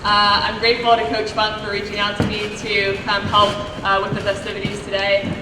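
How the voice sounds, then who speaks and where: A woman's voice: medium pitch, monotone, brisk. A woman in her thirties giving an appreciation speech to an audience as a guest, hesitant with many ums and you-knows. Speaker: military veteran, guest speaker. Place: large echoing sports venue, public address. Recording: noisy echoey hall, distant PA microphone.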